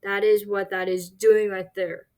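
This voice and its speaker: A woman talks through a recorded language lesson at a middling pitch for her sex. She explains step by step, restarts her sentences, and keeps asking "right?" to check in. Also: flat delivery, a little slow, warm tone. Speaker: Chinese language teacher.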